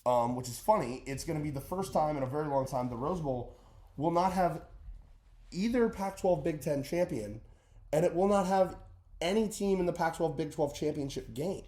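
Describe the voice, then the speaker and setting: A man's voice: on the high side, normal speed, warm tone. Rambling young man in a roomy room. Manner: rambling, hesitant with many fillers. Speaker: podcast host. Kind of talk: casual sports podcast chat. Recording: roomy echo.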